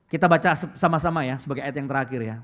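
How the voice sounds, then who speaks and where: A male pastor preaching a lively sermon, calling out loudly and dropping to quiet asides. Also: medium pitch. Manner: lively preaching, swings between loud calls and quiet asides; acts out quoted churchgoers in put-on voices. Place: church hall.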